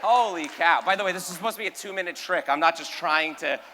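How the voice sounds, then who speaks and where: A man's voice: fairly high pitch, fast, pushed and bright, a little hiss or hum. A man performing a number trick for a gala audience, joking, self-deprecating and talking straight to the crowd. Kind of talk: live stage patter. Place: large ballroom.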